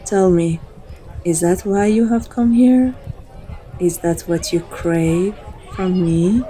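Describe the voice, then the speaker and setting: With a lowish, dark-toned voice and a slow pace, a woman performs a dominant vampire in ASMR-roleplay fashion. Her mood is coaxing and seductive as she teases, flirts, and lures the listener with intimate endearments, all relaxed and leisurely.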